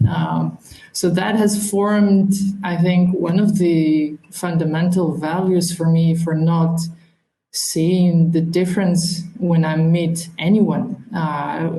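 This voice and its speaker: Podcast guest: young woman from southern Russia, non-native, mellow tone, reflective with pauses, roomy echo. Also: low voice. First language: a minority language of Russia. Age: young adult. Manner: thoughtful, hesitant, with frequent ums and laughs. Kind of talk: reflective interview talk.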